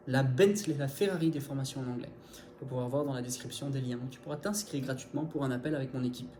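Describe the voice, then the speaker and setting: A man teaching English pronunciation in an online video lesson, speaking in a lively, informal way to the viewer and demonstrating English phrases. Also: mid-range voice. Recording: echoey room, faint background noise.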